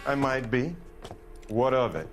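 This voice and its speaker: An actor playing a defiant, indignant murder suspect in a video game. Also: male voice, medium pitch, animated, unhurried, soft background music, natural voice.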